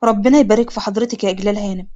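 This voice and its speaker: A woman voicing a courteous, earnest young man with an Egyptian accent, speaking softly. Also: medium pitch, steady tone, racing, dull audio, pitched below the performer's own voice, lightly acted. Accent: Egyptian Arabic. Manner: soft, courteous.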